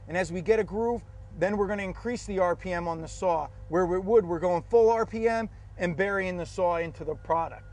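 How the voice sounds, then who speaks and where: A man's voice: high-pitched, darkish tone. A man instructing firefighters, explaining a forcible entry technique step by step outdoors at a training prop. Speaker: fire service instructor. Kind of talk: instructional demonstration.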